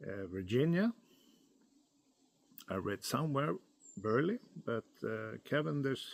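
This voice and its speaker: A man giving a casual, unscripted product review in a hesitant, halting way, as if thinking aloud. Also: medium pitch, gravelly, darkish tone. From Europe. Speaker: pipe tobacco reviewer.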